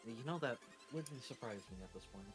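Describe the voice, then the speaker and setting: Man, mid-pitched voice, casual, swears, teases his cat, faint music behind. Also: lively intonation, fairly quick. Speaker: guest. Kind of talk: casual live-stream chat. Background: faint background music.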